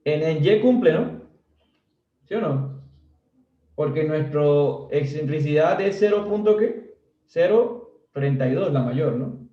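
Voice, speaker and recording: Speaking slowly in a fairly high, animated voice, a man teaches civil engineering in a laid-back lecture. He jokes around with the class and repeatedly checks understanding with "¿sí?". The audio is dull and roomy since he's distant from the mic.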